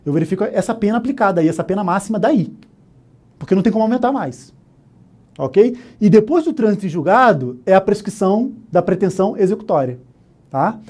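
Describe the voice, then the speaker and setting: A man's voice: high-pitched, darkish tone. A Brazilian man teaching an exam-prep law lesson, walking through the answer step by step and checking in with the listener often. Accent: Brazilian Portuguese. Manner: explains step by step, often asking "né?", "ok?", "tá?". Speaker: law instructor. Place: online course studio.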